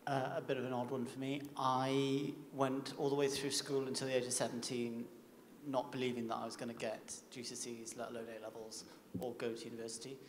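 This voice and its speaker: A man's voice: medium pitch, little pitch movement, brisk. A man, giving a reflective, hesitant personal talk on an informal panel. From South Wales. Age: 20s. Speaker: panel speaker, recent music graduate. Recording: echoey hall, long reverb, faint noise.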